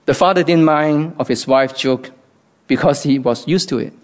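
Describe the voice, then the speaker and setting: A man's voice: a little high, moderate pace. A man from Hong Kong with a Hong Kong accent, giving an earnest, reflective devotional talk.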